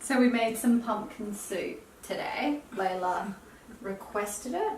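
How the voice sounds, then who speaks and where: Woman hairstylist, tutorial narration; soft, slow, trailing delivery, distant roomy sound with light hiss. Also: medium pitch, expressive.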